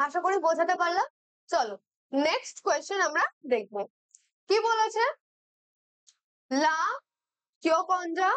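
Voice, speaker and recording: A woman's voice: very high-pitched, a little slow, long pauses, a bit bright, dry recording. A young woman with a Bengali accent who teaches English grammar for exam preparation and keeps checking in with her students as she explains each question. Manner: patient, checks in with "right?" often.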